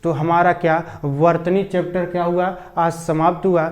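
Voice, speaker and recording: A man's voice: on the high side, flat delivery, normal speed. A man teaching a Hindi spelling lesson for exam preparation, repeating each word and asking and answering his own questions.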